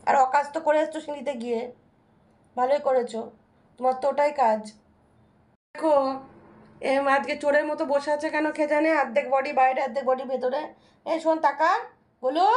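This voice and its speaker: A woman host chatting casually in a home vlog, scolding and cooing at her pets as she goes. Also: high voice. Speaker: home vlogger.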